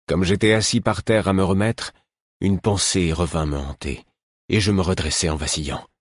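A man narrating a storybook with a steady, measured reading. His voice is very low and husky, and the recording is close and dry with no room sound. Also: dry recording. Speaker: audiobook narrator. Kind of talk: scripted narration.

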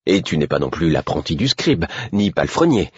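A man's voice: low voice, big pitch swings, brisk, breathy edge, dry recording, muffled recording, heavily acted. A man voicing a curt, reproachful young woman, a candlemaker, in an audiobook reading. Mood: scornful.

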